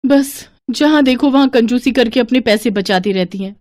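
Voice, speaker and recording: A woman's voice: fairly high pitch, moderate pace, darkish tone, no echo, voice pushed up, lightly acted. A young daughter-in-law complains with mild exasperation in a raised, lighter voice, played by a woman. She is a cartoon character, and the recording is close and dry. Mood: grumbling.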